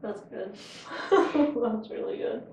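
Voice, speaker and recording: A woman with a fairly high voice hosts a casual home cooking show, chatty and joking as she samples dishes. She is picked up from across an echoey kitchen with faint room noise. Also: lively intonation, slow pace, gravelly, darkish tone. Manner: chatty, joking, talks with her mouth full. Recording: echoey kitchen, mic far off.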